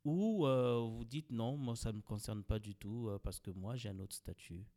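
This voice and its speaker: A man hosting a community radio interview, putting questions to his guests. He asks with occasional fillers and pauses. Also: medium pitch, warm tone.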